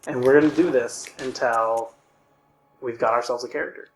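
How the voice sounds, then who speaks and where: A man's voice: mid-range voice, fairly even intonation, moderate pace. A man co-hosting a let's play, chatting casually and explaining the rules of the run.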